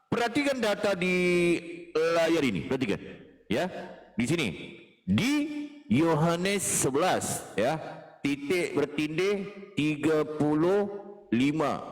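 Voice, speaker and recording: A man plays a self-styled pastor and taunts his opponents, laughing as he goes. His fairly high voice swings widely in pitch. A long hall-like reverb hangs on every word. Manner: taunting, laughing, mock-preachy. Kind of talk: mocking debate talk.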